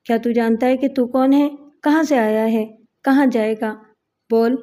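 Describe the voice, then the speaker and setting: A woman voicing a wild-eyed, burly male mendicant in an audiobook reading, proclaiming slowly and drawing out his words. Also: on the high side, fairly even intonation, dark tone, lightly acted.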